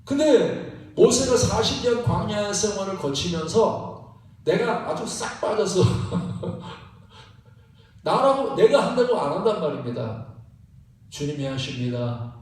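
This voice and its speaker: A male pastor preaching with high, lively swings in pitch, pressing each point again and again with short laughs in between. His voice booms around a very reverberant church hall and sounds set back from the mic. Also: takes it slowly, far from the mic. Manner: emphatic, repetitive preaching with laughing asides. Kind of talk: sermon. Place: church sanctuary.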